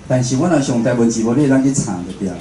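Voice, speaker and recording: This Taiwanese-accented man, a radio show host and station director, talks very quickly in a mellow, mid-range voice. In an informal indoor lecture, he keeps things conversational and puts plenty of questions to his listeners, while faint noise and a roomy echo fill the recording.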